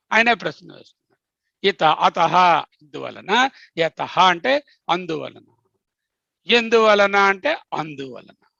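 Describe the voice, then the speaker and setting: A man's voice: high voice, creaky, sharp tone, no echo. A man teaching a scripture lesson, asking himself questions and answering them, mixing in English words. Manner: mixes English words into explanations. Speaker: teacher leading a study session. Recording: dull lo-fi sound.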